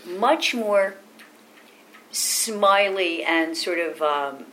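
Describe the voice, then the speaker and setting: An older woman with a fairly low voice recounts family stories for an interview, animated and anecdotal. She slips into little voices for the people she quotes. Faint background noise sits under her voice. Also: very slow, low-quality recording. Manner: warm, lively anecdotes with quoted voices and laughter. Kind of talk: oral history storytelling.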